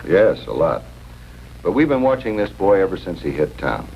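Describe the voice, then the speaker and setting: An actor playing a shrewd, businesslike police detective in a 1950s TV broadcast drama, matter-of-fact and confident. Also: male voice, deep voice, sing-song, moderate pace, creaky, full character voice. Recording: dull, noisy old 1950s TV soundtrack.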